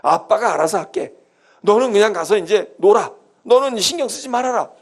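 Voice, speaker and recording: A man voicing God as a tender, protective parent who reassures a hurt child, speaking softly and kindly in a sermon. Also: on the high side, animated, brisk, vocal fry. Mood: reassuring.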